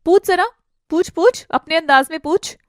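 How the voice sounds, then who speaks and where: A woman's voice: very high-pitched, moderate pace, no echo, clean studio sound, voice pushed up. A woman voicing a cruel, scornful ex-wife in an audio drama, sneering and hurling insults. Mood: furious. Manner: sneering, abusive, shouting insults.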